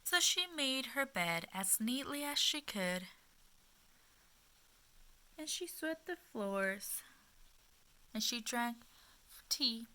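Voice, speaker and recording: A woman with a voice on the high side reads a storybook aloud to young children. She is expressive and child-directed, pausing often and speaking to her listeners.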